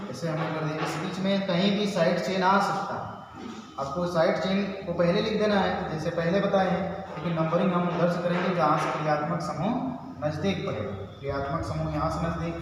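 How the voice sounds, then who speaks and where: A male chemistry teacher giving a step-by-step classroom lecture, asking questions and answering them himself. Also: on the high side. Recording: echoey hall from far off, noisy.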